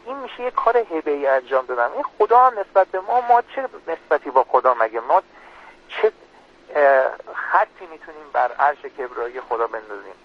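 A man speaking as a religious guest, earnestly explaining a prayer on a radio program. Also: on the high side. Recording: dull lo-fi radio sound.

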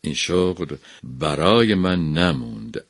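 A man's voice: sits low, dry recording, studio quality. A man voicing an old gardener in a folk tale, speaking firmly and steadily. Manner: firm, steady storyteller delivery. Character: old male gardener, calm and bold.

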